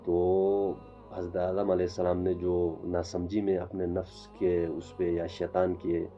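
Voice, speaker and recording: A man giving an informal religious lecture for his online channel, speaking haltingly with many fillers and restarts. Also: low-pitched, completely flat delivery, highs cut off, faint music behind. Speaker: self-taught religious lecturer.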